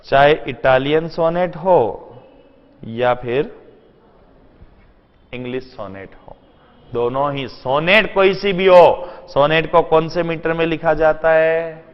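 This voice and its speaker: A man's voice: on the high side, slow pace, smooth. A man teaching an exam-prep lesson, asking rhetorical questions and answering them himself, mixing in English terms. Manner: mixes in English terms and sentences. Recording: dull lo-fi sound in a long-reverb room.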